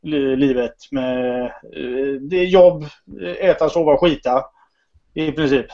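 A man's voice: mid-range voice, fairly even intonation, mellow. A man co-hosting a casual podcast, laid-back and joking with crude asides. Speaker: podcast co-host. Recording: dull lo-fi podcast audio.

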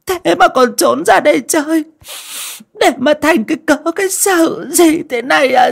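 A man voicing a scheming village woman who wails and sobs in fake grief, with shrill, drawn-out cries. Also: gravelly, full character voice.

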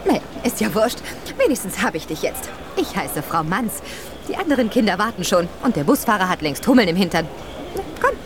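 An actress playing a brisk, bossy woman who herds schoolchildren in a radio drama, talking nonstop. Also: medium pitch, sing-song, noisy background, lightly acted. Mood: brusque. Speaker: Frau Manz, supervisor of a group of children.

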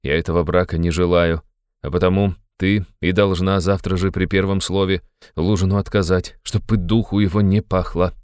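A man's voice: low-pitched, little pitch movement, moderate pace, darkish tone, smooth, no room sound, clean studio sound, lightly acted. A man reading an audiobook, voicing a feverish, exhausted young man who speaks curtly and harshly. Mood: stern, strained. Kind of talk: audiobook character voice.

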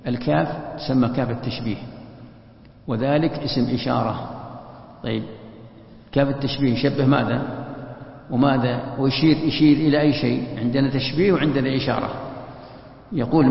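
Male teacher, gravelly voice, lesson recorded muffled in a roomy hall. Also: medium pitch. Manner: explains step by step, drawing out letters to demonstrate. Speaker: Quran commentary teacher. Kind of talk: religious lesson. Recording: dull echoey hall recording.

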